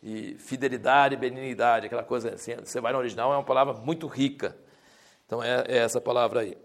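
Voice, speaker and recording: A man's voice: mid-range voice, fairly even intonation, fast talker. A man teaching a Bible class in a conversational, explanatory way, often restarting his sentences and rising to emphatic stretches.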